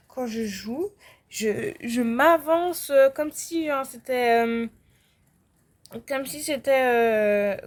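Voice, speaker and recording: A young French woman chatting casually while playing a video game, rambling with lots of fillers and restarts and sudden outbursts. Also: on the high side. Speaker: gaming vlogger.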